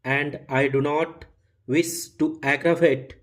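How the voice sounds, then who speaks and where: A man reading formal text aloud as shorthand dictation, in short, deliberate phrases with regular breaks. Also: a little high, fairly even intonation. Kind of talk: dictating a legal passage at a measured 95 words per minute.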